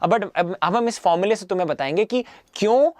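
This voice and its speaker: A man's voice: sits high, lively intonation, brisk, darkish tone, no echo, studio quality. A man teaching a physics lecture in a casual, coaxing way, repeating himself often and mixing in English phrases. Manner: repetitive, coaxing, keeps adding 'है ना'; mixes Hindi with English phrases.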